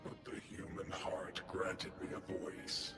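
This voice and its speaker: Voicing a giant guardian mech in a video game, dutiful and slowly discovering feeling, a man delivers formal robotic lines, each preceded by a clipped one-word header. His voice sits low, completely flat and slow, with a solemn, earnest mood. The sound is cavernous, with game music underneath.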